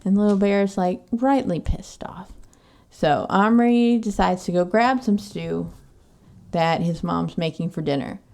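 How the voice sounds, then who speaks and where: A woman's voice: fairly low pitch, unhurried, darkish tone. A woman, recapping a book on a podcast in a casual, sarcastic, swearing way. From Texas. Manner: profane, sarcastic. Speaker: podcast co-host.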